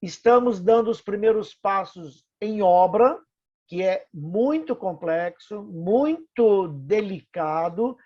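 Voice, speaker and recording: Older Brazilian man, chatty public official, high voice, dull lo-fi video-call sound. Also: animated, slow. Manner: talkative, self-deprecating, offers help repeatedly. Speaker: municipal housing official. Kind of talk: online webinar discussion.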